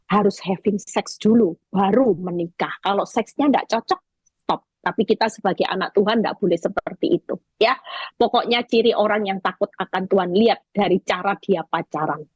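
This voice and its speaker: A woman evangelist preaching over a video call, telling stories in a lively way and speaking straight to her listeners. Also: medium pitch, breathy edge, no echo. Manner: lively storytelling, addresses listeners directly.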